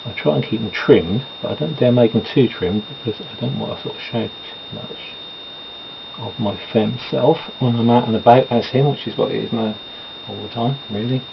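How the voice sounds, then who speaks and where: A man doing his makeup at home chats meanderingly and casually, poking fun at himself now and then. His medium-pitched voice moves at a moderate pace with vocal fry. Noise and a dull lo-fi quality mark the home recording.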